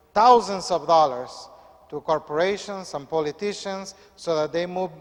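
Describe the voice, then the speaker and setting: A priest, reading the Gospel and preaching in a measured, earnest way. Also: male voice, fairly high pitch. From Peru. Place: church. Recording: echoey church hall.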